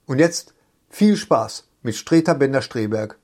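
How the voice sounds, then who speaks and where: A man reading a scripted sponsor message in a smooth, even announcer delivery. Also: medium pitch, a little slow. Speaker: ad reader.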